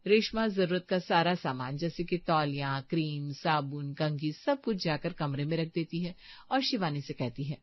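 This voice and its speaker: A woman's voice: low voice, lively intonation, normal speed, no room sound, highs cut off. A woman giving scripted storytelling narration for a cartoon story.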